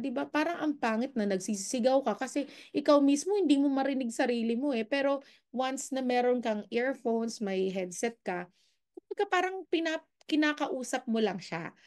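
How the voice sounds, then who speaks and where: Friendly, fairly high-voiced woman coach. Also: darkish tone. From Philippines. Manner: friendly, often checks in with "right?" tag questions. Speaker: sales and business coach. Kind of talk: casual training talk mixing Filipino and English.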